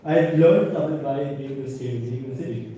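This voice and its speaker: A young North Indian man with an Indian accent, an alumnus and businessman on a panel, swaps anecdotes in a relaxed, conversational way and keeps checking in with "right?". His mid-range voice is dark in tone and a little fast. The recording was made in an echoey hall with a distant mic and faint noise.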